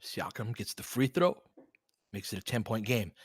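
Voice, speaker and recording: Fairly low in pitch and husky, this man's voice is expressive and moves at a moderate pace, recorded in studio quality with no room sound. He hosts a basketball film-room audio stream, offering easygoing live play-by-play and analysis, chatting with his listeners, and cheering the players like a fan.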